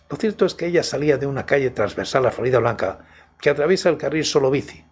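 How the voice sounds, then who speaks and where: A man's voice: mid-range voice, breathy edge. A man with a Spain Spanish accent narrating in the first person as a storytelling host.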